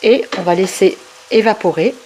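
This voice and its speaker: A woman hosting a home cooking show, chatting warmly and explaining each step of a recipe. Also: mid-range voice, moderate pace, a little hiss or hum. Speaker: cooking channel host. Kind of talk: cooking demonstration. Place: home kitchen.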